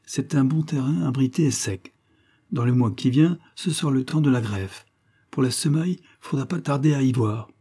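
A man voicing a shrewd middle-aged detective disguised as a gardener, speaking in an assured, deliberate way in an audiobook. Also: medium pitch, dark tone, husky, voice pushed up. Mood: matter-of-fact. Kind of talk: audiobook character voice.

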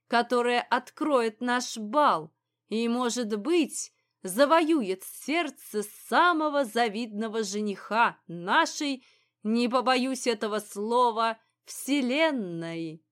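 A woman's voice: a little high, expressive, takes it slowly, a bit bright. A woman voicing a self-important male announcer at a ball, declaiming pompously and drawing out his words. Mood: grandiose.

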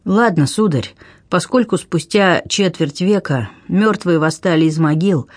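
A man's voice: high voice, measured pace, dry recording, clean studio sound. A man reading an audiobook, voicing a proud noblewoman, a duchess who is agitated and exclaims in a raised voice. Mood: haughty.

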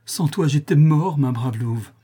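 A man's voice: medium pitch, a little slow, dark tone, husky. A man voicing a weakened young man in an audiobook, speaking faintly and fervently after nearly suffocating. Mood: weak.

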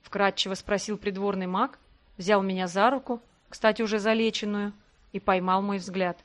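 Expressive woman reading a fantasy audiobook. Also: mid-range voice, normal speed. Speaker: audiobook narrator. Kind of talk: first-person fantasy audiobook narration.

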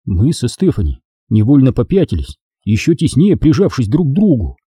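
Dark, husky male audiobook narrator. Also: medium pitch, moderate pace, no room sound, studio quality. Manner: steady, suspenseful storytelling.

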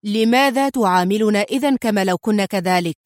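A woman reading an angry, chain-smoking male police inspector in an audiobook, with a sharp, scolding manner. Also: high voice, fairly quick, dry recording, studio quality, natural voice. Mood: irritable.

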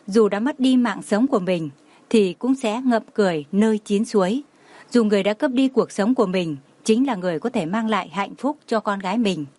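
Woman reading as older father, gentle, consoling, warmly reassuring manner. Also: medium pitch, brisk, no room sound, natural voice.

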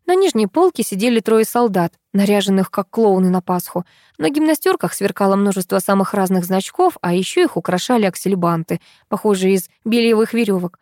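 A woman narrating a humorous first-person audiobook story in a lively, ironic manner. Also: medium pitch, a little fast, dry recording, clean studio sound.

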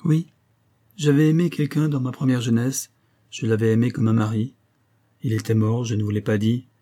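A man reading an audiobook and voicing a remorseful young wife, who speaks softly, humbly and imploringly. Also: mid-range voice, fairly even intonation, moderate pace, lightly acted. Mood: pleading. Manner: soft, imploring and contrite.

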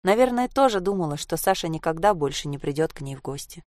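Woman narrator, lower voice, dry close read of a story. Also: animated, fast talker, a little mellow, dry recording. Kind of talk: audiobook story reading.

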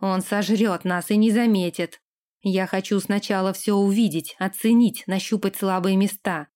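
A woman's voice: medium pitch, steady tone, normal speed, mellow, close to an everyday voice. Woman reading as a ruthless, commanding lord. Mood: cold. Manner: harsh, commanding. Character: scheming ruthless young male lord.

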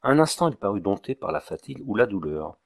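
A man narrating an audiobook of a classic novel in a measured, literary storytelling way. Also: lowish voice, sing-song, vocal fry.

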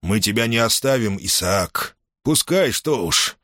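A man's voice: fairly low pitch, lively intonation, a little slow, pushed and bright, no echo, clean studio sound, full character voice. A man reading an audiobook, voicing a distraught, loyal older uncle. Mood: resigned. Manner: scolding then resigned.

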